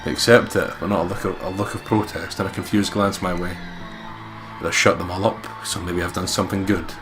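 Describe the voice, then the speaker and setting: A let's play host reads a visual novel aloud dramatically in a low, slightly fast voice, with game music playing behind him. He swears and breaks into excitable, joking ad-libs.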